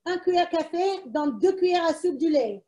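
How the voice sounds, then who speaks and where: A woman's voice: very high voice, expressive, moderate pace, warm tone, roomy sound, far from the mic. A woman with a foreign accent in French presents a live cooking demonstration from a kitchen, chatting to herself as she works. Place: kitchen, indoors.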